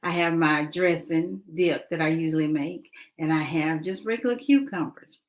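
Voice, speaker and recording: A woman's voice: sits low, normal speed. A woman vlogging casually, chatting with many fillers while she eats a snack. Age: adult, mother of a son. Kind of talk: casual eating and talking vlog.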